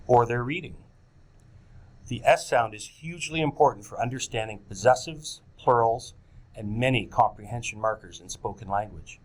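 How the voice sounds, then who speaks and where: A man giving scripted instructional narration for teachers, speaking directly to them as folks. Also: medium pitch. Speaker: presenter of a teacher training video.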